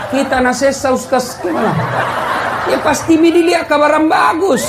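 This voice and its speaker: Male preacher, high-pitched, comic storyteller who swings from booming to hushed, faint background noise. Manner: humorous storytelling, jumps from loud exclaiming to low confiding tones. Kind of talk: comedic sermon. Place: before a live congregation.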